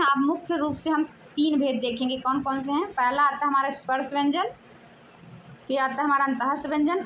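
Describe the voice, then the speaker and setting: A high-voiced woman gives a patient classroom grammar lesson. She draws out each sound and poses questions before answering them, with a faint hiss of noise behind her. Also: a bit bright, rough recording. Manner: explanatory, drawn-out syllables, asks questions then answers. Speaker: Hindi teacher.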